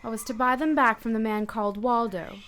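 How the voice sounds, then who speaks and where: High-voiced, guarded noir mystery woman, played by an actress. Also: a little fast, fairly bright tone, a little hiss or hum, lightly acted. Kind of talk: radio noir acting.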